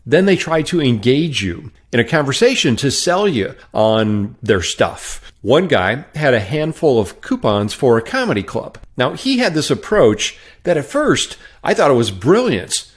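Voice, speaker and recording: A man hosting a solo podcast who tells a wry story in a conversational way and stresses words with jumps in pitch. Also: very animated, a little slow, few pauses. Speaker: podcast host and sales trainer.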